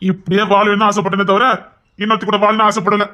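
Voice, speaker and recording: A woman's voice: mid-range voice, little pitch movement, quick pace, close to an everyday voice. A woman voicing a proud, brusque husband in an audio drama, speaking in a grumbling, dismissive way. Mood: gruff, dismissive. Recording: dull lo-fi recording.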